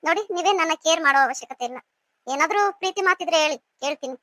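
[name], a woman doing a squeaky young wife. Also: rapid-fire, fairly bright tone, no echo, studio quality. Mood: tearful. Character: young wife, sulky and emotional. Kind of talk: cartoon voice acting.

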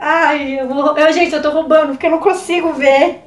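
A Brazilian woman with a Brazilian Portuguese accent reacting on camera, jumpy and excitable, scared and trembling, swearing and laughing as she talks. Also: sits high, brisk, roomy sound. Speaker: YouTuber. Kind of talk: reaction video chat.

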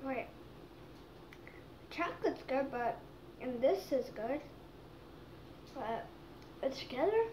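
A woman's voice: high-pitched, big pitch swings, extremely slow, long pauses, a little mellow, roomy sound. A woman casually taste-testing snacks for her channel, talking with her mouth full and trailing off with ums. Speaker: vlogger. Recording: noisy home recording.

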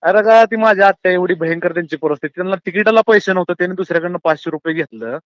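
On a phone call, a man with a rural Maharashtrian accent holds forth in a casual, opinionated monologue, earnest and philosophising in colloquial speech, often calling the listener brother. His high voice comes rapid-fire through a dull, lo-fi phone line, close and dry with no room sound.

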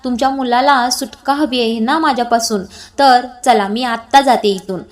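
A woman's voice: fairly high pitch, normal speed, natural voice. A woman voicing a defiant young woman arguing back at an older woman.

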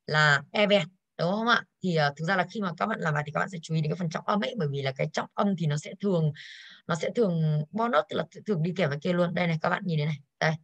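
A woman's voice: on the low side, rapid-fire, vocal fry, no room sound, muffled recording. A woman English teacher going over exercises in an online class, tired and coughing now and then, who keeps putting questions to her students.

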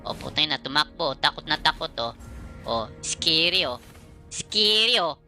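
Bright, swearing, excitable woman streamer. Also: deep voice, a little slow, faint music behind. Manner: excitable, swearing, trash-talking opponents. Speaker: gaming streamer. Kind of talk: live gameplay commentary.

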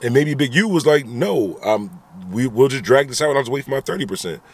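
Sitting in a car, a vlogger in his thirties talks animatedly into a phone camera held at arm's length. His mid-range voice is expressive, fairly quick, and husky as he shares his opinions, repeatedly dropping rhetorical asides.

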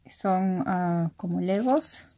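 A young craft vlogger with a Mexican accent chats casually and slowly in a fairly low voice, narrating an unboxing of craft items. She keeps quiet and soft-spoken because others are sleeping. The room is noisy with handling rustle, clicks, and the crumpling and crinkling of packaging.

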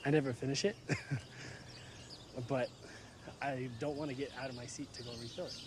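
An actor in his twenties playing a relaxed, curious young American man trying new words and food. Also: mid-range voice, normal speed, a little hiss or hum, lightly acted. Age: 20s. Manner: relaxed, curious, fumbling pronunciation. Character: young American man Dan, easygoing visitor. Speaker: lead character. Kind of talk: film dialogue.

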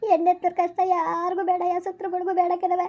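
A grieving village mother-in-law, played by a woman, wailing and scolding. Her voice sits very high with a flat, unvarying pitch, and she talks fast. The recording is dull and lo-fi. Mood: bitter lament.

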